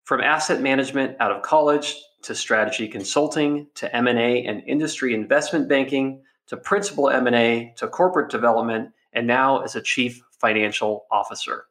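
A man's voice: medium pitch, brisk, hardly any pauses, a bit bright. A man hosting an interview podcast, introducing his guest and steering the chat with friendly questions. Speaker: podcast host.

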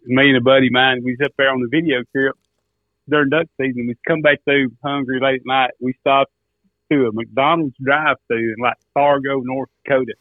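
A man's voice: mid-range voice, fairly even intonation, fairly quick, no room sound. Male, Arkansas Southern accent, folksy drawling storyteller, thin telephone-quality sound. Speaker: guest, duck caller and turkey hunter. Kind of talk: casual storytelling interview. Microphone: remote phone call. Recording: tinny, narrow phone line.

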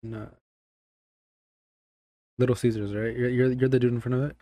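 A man co-hosting a casual podcast with friends, excitable and repeating himself a lot. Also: mid-range voice, normal speed, no echo. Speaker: podcast co-host. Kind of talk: casual chat among friends.

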